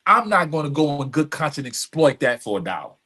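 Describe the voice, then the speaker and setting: In a slightly high, sing-song voice with a sharp tone, the man talks at a quick pace on a podcast. He recounts personal stories candidly and emphatically in a long-form conversation, with street slang and frequently repeated phrases.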